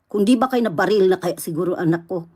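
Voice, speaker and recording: Isang babaeng Bisaya na may punto ng Visayas, malakas at galit na nagra-rant sa livestream habang nagbebenta online, halo-halong Ingles ang salita. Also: female voice, lowish voice, fast talker. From Visayas, Philippines. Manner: loud indignant ranting, mixing English in.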